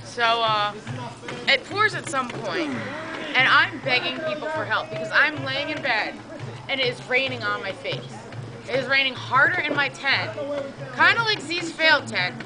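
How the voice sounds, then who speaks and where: Hoarse, profane woman telling camp stories. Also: sits high. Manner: profane, animated, acts out quoted voices. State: hoarse, says she has no voice. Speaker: storyteller at a camping event. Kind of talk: casual storytelling among friends. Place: outdoors at a campsite.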